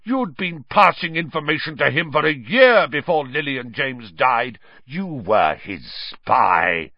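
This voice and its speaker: A man voicing a vengeful, furious man with a harsh, snarling voice, accusing forcefully in an audiobook story. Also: mid-range voice, sing-song, unhurried, vocal fry, slightly rough, no echo, dull audio, pitched above the performer's own voice, full character voice. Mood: bitter accusation.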